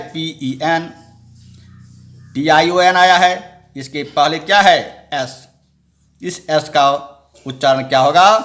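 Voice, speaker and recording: Slow, repetitive male pronunciation teacher. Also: on the high side, a bit bright. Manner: spells out letters slowly, asks and answers his own questions. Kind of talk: classroom-style lesson explaining rules.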